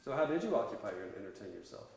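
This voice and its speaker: Low-voiced male interviewer, very echoey room. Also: sing-song, racing, creaky, a little mellow. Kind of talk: casual, tentative interview questions. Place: reverberant indoor room, away from mic. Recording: very echoey, noisy room, off-mic.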